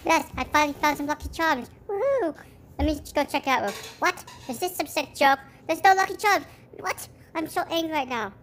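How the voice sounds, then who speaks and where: A woman voicing an excitable magic unicorn girl who talks in wildly swinging, squealing outbursts. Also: sits high, fast, few pauses, slight background noise. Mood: thrilled.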